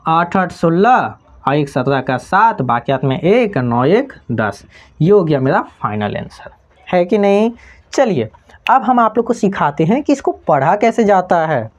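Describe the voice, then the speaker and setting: A woman's voice: on the low side, sing-song, measured pace. A woman with a Bhojpuri-tinged Hindi accent teaching a math lesson, who keeps asking the class whether they have understood. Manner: keeps checking understanding with repeated questions. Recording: slightly dull lo-fi recording.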